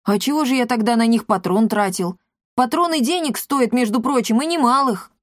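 A woman's voice: fairly high pitch, moderate pace, dry recording, studio quality, voice pushed up, lightly acted. A woman voicing a stingy, grumbling tomcat. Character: stingy grumbling male cat with a gun.

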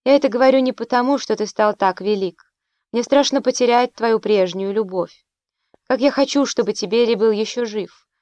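A young Roman noblewoman, tender yet jealous and on the edge of tears, as read by a woman narrator in an audiobook. The voice is smooth and clear. It is recorded dry and close. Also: medium pitch, darkish tone, no room sound, lightly acted. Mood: tearful.

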